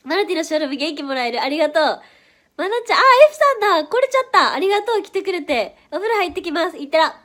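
A young-sounding woman with a Kansai accent chats on a casual livestream, her voice pitched high and a little stuffy from hay fever. She reacts to viewers quickly and playfully. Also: lively intonation, a bit bright. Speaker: idol livestream host. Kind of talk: casual livestream chat reading viewer comments.

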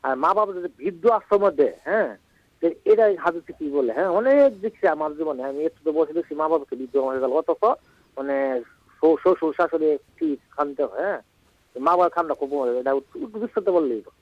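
A man's voice: a little high, lively intonation, fast talker, dry recording. A man from Mymensingh calling in to a radio show by phone, asking a question hesitantly with many fillers and checks. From Mymensingh, Bangladesh. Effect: caller heard over a phone line on radio. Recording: dull lo-fi phone line.

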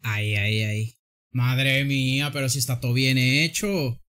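A man's voice: mid-range voice, fairly even intonation, measured pace, a bit bright. A man streaming a drawing game, joking, exclaiming and laughing often. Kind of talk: casual gameplay commentary.

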